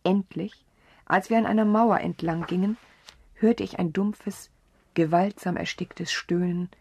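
A woman narrating a story in a soft, breathy whisper, calm and measured, close to the mic. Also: fairly low pitch, dry recording.

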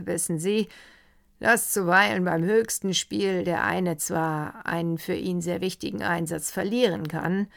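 A composed, ironic count recounting an anecdote at leisure, as a woman narrator reads him. The voice sits low and slow, with a gravelly fry in this audiobook. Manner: calm, ironic storytelling. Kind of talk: audiobook reading.

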